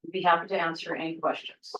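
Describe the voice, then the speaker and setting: A woman's voice: fairly low pitch, little pitch movement, fast, a bit bright, lo-fi sound. A woman delivering a prepared, formal presentation to a council. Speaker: library delegate presenter. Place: indoor council chamber. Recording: echoey, distant mic with faint noise.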